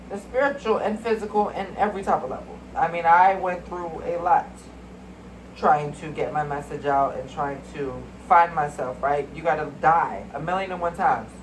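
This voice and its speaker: In a loose, wandering reading, a spiritual card reader keeps chatting mystically and addressing the audience as y'all. The voice is middling in pitch and somewhat congested. Audio quality is poor, with faint noise in the background.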